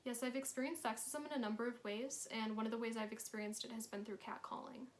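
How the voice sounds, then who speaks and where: A woman's voice: on the high side, fairly even intonation, fast. A twenty-one-year-old woman, a sociology student, speaking composedly and articulately in an interview. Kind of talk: personal testimony. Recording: noisy with clicks.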